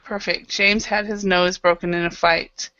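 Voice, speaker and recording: A woman's voice: fairly low pitch, little pitch movement, moderate pace, bright, forceful tone, no echo, lo-fi sound. A woman from Idaho teaching an online English class, patient and encouraging, with many fillers. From Idaho, United States.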